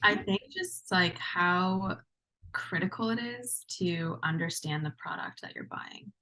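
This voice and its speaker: Chatty woman with a bright voice. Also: lowish voice, sing-song, a little slow, rough recording. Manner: chatty, frequent "like" and restarts. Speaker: guest, implementation lead. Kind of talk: casual podcast conversation.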